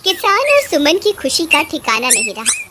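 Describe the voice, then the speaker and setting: A woman narrating a children's cartoon story in a scripted storytelling voice. Her voice is high and lively, and a clear noisy hiss runs under the recording. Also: moderate pace.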